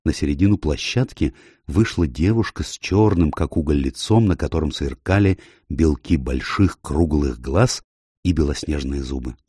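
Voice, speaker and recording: A man reading an audiobook aloud with steady, expressive narration. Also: a bass voice, normal speed, slightly rough, no echo, clean studio sound.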